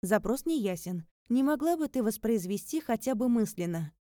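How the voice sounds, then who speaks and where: A cold, formal magical gadget that answers in an even, unfeeling tone, as a woman reads its lines. Its voice is mellow and low-key. The recording is dry and close. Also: moderate pace, no room sound, lightly acted. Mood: deadpan. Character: impassive magical talking phone artifact.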